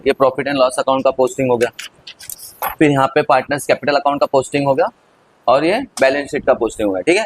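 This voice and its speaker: Working quickly through an accounting lesson, a male teacher with a slightly high voice talks straight to his students, calling them kids as he goes step by step. His manner stays easy, chatty, and familiar. The rough recording was made over on-screen writing.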